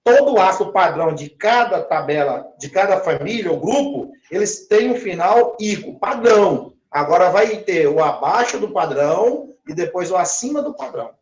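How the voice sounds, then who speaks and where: Recorded in an echoey classroom with the high frequencies cut off, this chemistry lesson features a man with a high-pitched voice. He lengthens his words and often checks that everyone understands.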